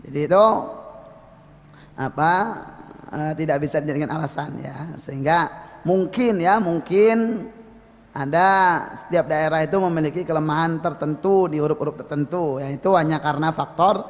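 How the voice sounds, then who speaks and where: A man with an Indonesian accent teaching Quran recitation as a religious lesson, patiently explaining, often adding "ya" and chanting verses slowly. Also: on the high side. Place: mosque hall. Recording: long echo of a mosque hall.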